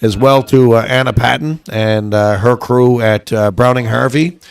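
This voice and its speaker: Guy calling curling, gravelly voice, laid back and chatty, lots of uhs. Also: mid-range voice, moderate pace. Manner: relaxed, chatty, many fillers. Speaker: curling commentator. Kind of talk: sports commentary.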